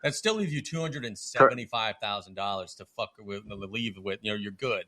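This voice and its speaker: A man's voice: on the low side, sharp tone. A man co-hosting a casual podcast, telling a story in a chatty way. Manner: storytelling, quick asides. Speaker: podcast host. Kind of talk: casual chat.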